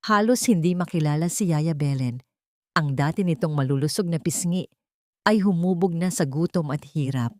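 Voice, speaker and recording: This audiobook narrator, a Filipino-accented woman, reads a dramatic scripted tale at a moderate pace. Her voice sits low with a darkish tone, and the studio sound is clean and dry.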